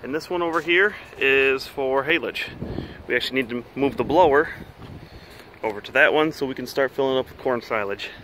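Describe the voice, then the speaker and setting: A man's voice: mid-range voice, fairly quick, pushed and bright. A middle-aged man, a plain-spoken farmer, giving a casual explanatory tour in a folksy way. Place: outdoors in a farmyard beside silos, partly inside a steel silo. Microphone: handheld camera or phone. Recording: noisy outdoor handheld camera audio.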